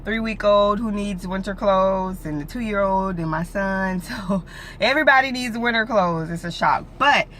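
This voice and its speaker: A woman's voice: mid-range voice, normal speed, fairly bright tone, slight background noise. A woman in her late twenties chatting casually in a vlog, rambling with many fillers like "like" and "you know", three weeks after giving birth. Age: late 20s. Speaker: vlogger.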